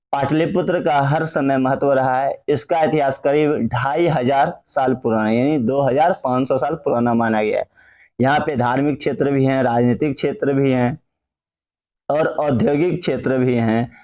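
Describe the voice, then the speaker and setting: A man's voice: mid-range voice, darkish tone. A male teacher, explaining a lesson step by step in an online class and repeating key phrases.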